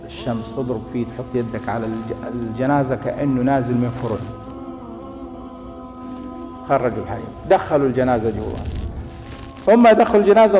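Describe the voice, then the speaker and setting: Impassioned preacher, fast. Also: male voice, medium pitch. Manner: impassioned, rising to near-shouting. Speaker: preacher who washes the dead. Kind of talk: storytelling sermon. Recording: echoey hall with faint music.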